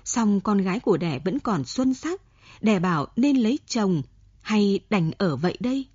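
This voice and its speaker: Woman reader doing a cool-headed, argumentative grown daughter; husky, mellow voice, dry dull recording. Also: medium pitch, moderate pace, no echo. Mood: arguing calmly. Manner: calm, reasoning, persistent.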